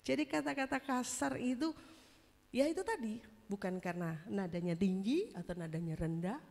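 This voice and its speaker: A woman's voice: mid-range voice, animated, normal speed, gravelly, darkish tone. A woman with an Indonesian accent preaching a sermon in a casual, conversational way, tagging her sentences with "ya" and calling the congregation "saudara-saudara". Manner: conversational, tags phrases with "ya" and "gitu", addresses "saudara-saudara". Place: large church hall. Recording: long church hall reverb.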